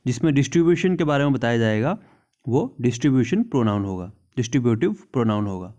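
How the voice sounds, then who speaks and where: A man teaches English grammar in Hindi, reading the English examples slowly and repeatedly checking in with "theek hai na." His medium-pitched voice is animated with a dark tone.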